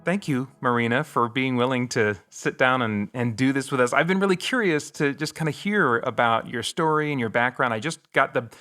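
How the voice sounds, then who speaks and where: Man, forties, American accent, average pitch, casual host, rambling, self-deprecating. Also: fairly quick, hardly any pauses, bright, forceful tone, faint music behind. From United States. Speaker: podcast host. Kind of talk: casual chat and interviewing.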